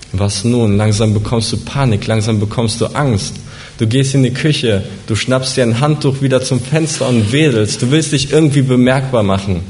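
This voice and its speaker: A man telling a vivid, suspenseful story in the second person, slowing down at dramatic moments. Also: lowish voice, darkish tone.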